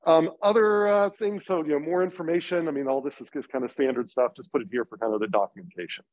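Male university lecturer, higher-pitched, speaking through a face mask with a cold; informal, halting delivery, slightly muffled sound. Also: darkish tone, dry recording. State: getting over a cold. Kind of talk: informal lecture introducing a course. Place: lecture classroom. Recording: slightly dull, muffled classroom recording.

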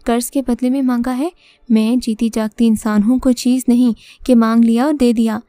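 A woman's voice: fairly high pitch, little pitch movement, mellow, dry recording. A woman telling a first-person horror story in dramatic, scripted narration. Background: faint music.

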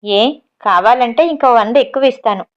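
A woman's voice: a little high, normal speed, lightly acted. A bossy older mistress of the house, as a woman narrator puts her on, bargaining in a storybook reading. The recording is dull and lo-fi.

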